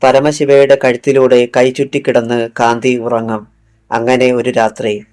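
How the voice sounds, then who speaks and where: Narrating a scripted thriller audiobook at a measured pace, a man uses a mid-range, darkish voice with little pitch movement, lowering it for quoted lines over faint background music.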